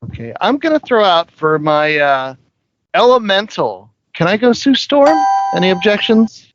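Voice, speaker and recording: A man's voice: sits high, very animated, normal speed. A man co-hosting a podcast, asking hesitantly in casual chat. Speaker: podcast co-host. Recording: lo-fi with background noise.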